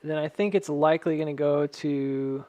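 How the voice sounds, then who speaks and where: A man with a whistle on his s sounds gives casual, technical chart commentary, thinking aloud in a measured, cautious way. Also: on the high side, mellow. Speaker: stock chart analyst addressing viewers.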